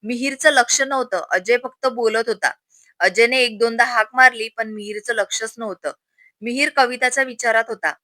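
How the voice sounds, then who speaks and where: Woman storyteller, steady narration, bright voice, dry recording. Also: a little high, moderate pace, dry recording.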